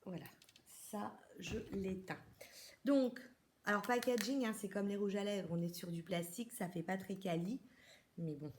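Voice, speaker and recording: A woman from France chats through a makeup haul for her viewers. She talks casually, pausing and restarting her sentences as she shows each product. Her pitch sits at an ordinary middle level for a woman. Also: slight background noise. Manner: chatty, many hesitations and restarts. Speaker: beauty vlogger.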